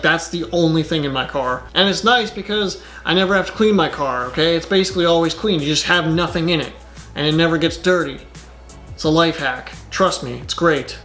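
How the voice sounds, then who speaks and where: A man's voice: fairly high pitch, a bit bright. A man doing casual reaction commentary on his channel, rambling and exasperated, with lots of filler words. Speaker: YouTuber.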